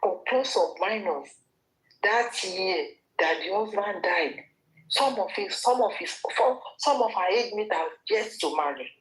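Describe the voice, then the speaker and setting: On a low-quality recording, a woman with a Nigerian accent speaks a little slowly in a mid-range voice with lively intonation. As a gossip commentator in her opinion vlog, she scolds the woman she's talking about and speaks to her directly.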